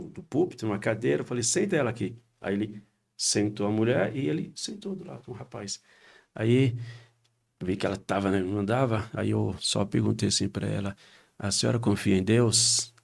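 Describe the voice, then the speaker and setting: A man, a pastor recounting a healing testimony on a podcast, acting out dialogue and rising in pitch as he gets excited. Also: creaky, breathy edge. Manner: animated retelling with quoted dialogue, rising pitch when excited.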